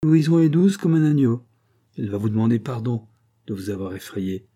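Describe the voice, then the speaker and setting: Man voicing a bold jovial sea captain, cheerful and teasing, mellow husky tone, storybook reading. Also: medium pitch, lively intonation, fairly quick, lightly acted. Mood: coaxing.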